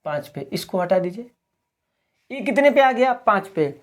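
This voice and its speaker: A man teaches a video lesson. He fires off quick questions and answers them himself in a steady classroom drill. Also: high voice. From Bihar, India.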